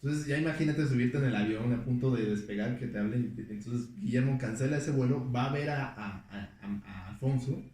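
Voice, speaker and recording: A man's voice: medium pitch, fairly quick, few pauses, dark tone. Guy rambling through film stories, lots of ums, far from the mic in a really echoey room. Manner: rambling, many fillers and restarts. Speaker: podcast guest. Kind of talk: casual storytelling chat.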